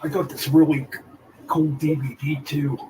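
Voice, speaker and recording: A man in his forties hosting a casual livestream chat, relaxed and chatty. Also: fairly high pitch, moderate pace, breathy edge. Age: 40s. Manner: laid-back, chatty metal fan. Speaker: host. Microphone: streaming setup.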